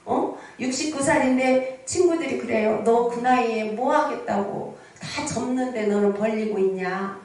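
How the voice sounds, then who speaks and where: A woman's voice: a little high, unhurried, few pauses, a little mellow. A woman in her sixties preaching a sermon as pastor, telling stories and asking the congregation questions. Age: 60s. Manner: storytelling sermon with frequent rhetorical questions to the congregation. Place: large prayer hall. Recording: echoey hall, voice from the mic's distance.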